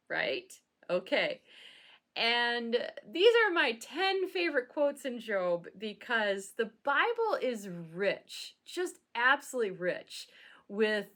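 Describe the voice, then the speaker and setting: A woman pastor talking casually to camera in a satirical vlog, with a dry, deadpan sense of humor and occasional laughing asides. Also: a little high.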